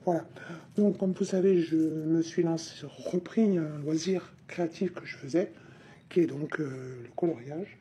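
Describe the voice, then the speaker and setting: Mellow synthetic woman's voice, casual vlog chat. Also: sits low, measured pace, a little hiss or hum. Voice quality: synthetic text-to-speech voice. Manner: informal, rambling, conversational. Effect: synthetic voice replacing the speaker's own. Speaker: craft vlogger. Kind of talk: casual chatty unboxing narration.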